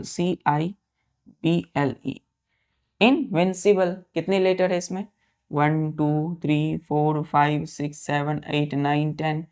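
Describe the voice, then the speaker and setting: A woman's voice: low-pitched, a little mellow. A woman with an Indian accent teaching a vocabulary lesson, spelling words letter by letter, repeating them and asking the students check questions. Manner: addresses students as children, asks check questions.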